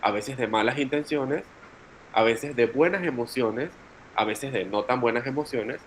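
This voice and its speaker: A man's voice: mid-range voice, moderate pace, a little hiss or hum, poor audio. A man with a Panamanian Spanish accent leading a teacher training session, explaining at length and calling on participants by name. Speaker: workshop facilitator.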